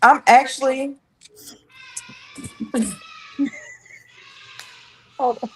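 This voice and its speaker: A woman hosting a casual livestream interview show, playful and quick to laugh, using easygoing slang. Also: medium pitch, a bit bright. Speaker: host.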